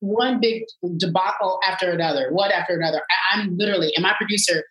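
A woman in her thirties, a sports TV anchor, telling stories in casual chat with lively jumps up into a high voice. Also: fast, reverberant, poor audio. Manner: animated, swoops up high when acting out her reactions.

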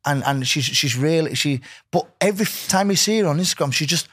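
A man's voice: on the high side, expressive, brisk, a bit bright, husky, no room sound, clean studio sound. A man chatting casually as a podcast guest, earnest, rambling and matey. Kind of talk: casual chat.

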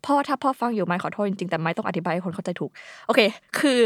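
A woman's voice: on the low side, animated, rapid-fire, dry recording, clean studio sound. A young woman hosting a casual explainer podcast, chatty and slangy, spelling words out letter by letter. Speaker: podcast host.

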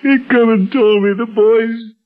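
A man playing a dazed, meek, grief-stricken father in a 1950s radio drama, halting and anguished. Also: very high voice, fairly even intonation. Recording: muffled vintage radio recording with music.

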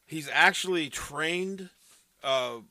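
A man's voice: fairly high pitch, takes it slowly, sharp tone, slight background noise. A man co-hosting a casual movie podcast, rambling through cast lists with many fillers. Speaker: podcast co-host. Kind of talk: casual movie-review chat.

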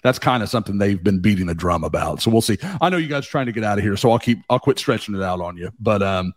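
A man guesting on a sports podcast, talking in a rambling, animated way and swearing casually. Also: on the low side, quick pace, no room sound, studio quality. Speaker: guest, team beat writer.

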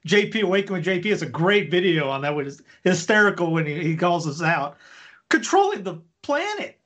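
A man's voice: on the high side, quick pace, a bit bright. A man speaking as a guest on a talk show, impassioned and preachy, ranting in bursts. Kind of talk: casual talk show chat.

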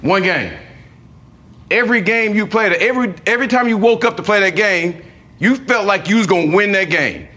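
A man's voice: sits high, normal speed, pushed and bright. A man coaching football, giving a motivational team talk in an emphatic, colloquial way with lots of repetition.

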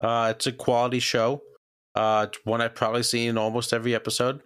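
A man's voice: mid-range voice, little pitch movement, brisk, a bit bright, smooth, dry recording, clean studio sound. A man in casual chat, answering quiz questions in a hesitant way, full of fillers. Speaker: guest.

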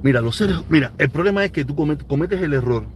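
High-voiced Cuban man in his forties. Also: lively intonation, fast talker, slight background noise. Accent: Cuban Spanish. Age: 40s. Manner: emphatic, repeats phrases for weight. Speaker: live streamer. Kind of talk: casual live-stream talk, reading viewer comments.

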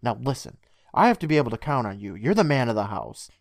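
A man's voice: medium pitch, sing-song, quick pace, no room sound, studio quality. A man voicing an angry middle-aged mother who scolds her sons in a stern, nagging tone. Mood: scolding.

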